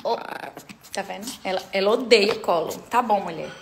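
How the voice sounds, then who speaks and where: Brief: woman in her thirties, mid-pitched voice, playful and chatty home vlog. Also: moderate pace, gravelly, slight background noise. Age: 30s. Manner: playful, fussing over her pets. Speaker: digital influencer. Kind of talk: casual vlog chat.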